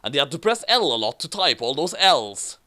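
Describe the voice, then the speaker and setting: A medium-pitched voice with wide swings in pitch, quick and bright with a forceful edge. Someone reads fan fiction aloud and comments on it with theatrical mock seriousness, an amateur dramatic reading mixed with casual remarks.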